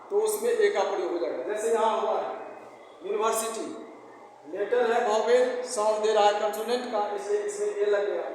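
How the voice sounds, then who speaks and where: A man teaching English grammar in Hindi, speaking slowly and repeating each word several times, asking questions and answering them himself. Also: high-pitched, a little mellow. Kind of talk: whiteboard grammar lesson in Hindi. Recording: echoey room from far off, faint background noise.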